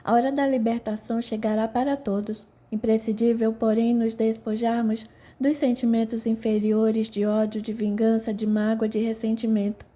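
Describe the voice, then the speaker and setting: A woman's voice: on the high side, normal speed, lightly acted. Woman reading as a serene male spirit mentor. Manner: calm, gentle sermon-like address. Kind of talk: audiobook narration.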